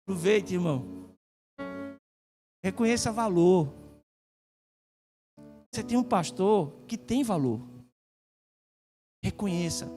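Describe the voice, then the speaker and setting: A middle-aged man with a Brazilian Portuguese accent preaching in a church, joking and chatty, with lively quoted asides. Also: sits high. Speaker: guest pastor. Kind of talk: sermon. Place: church sanctuary.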